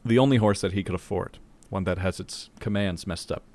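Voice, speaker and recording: Low-voiced man reading jokes aloud. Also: a little fast, darkish tone, a little hiss or hum. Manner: reads jokes aloud with laughing asides. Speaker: podcast co-host reading jokes. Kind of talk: casual podcast banter.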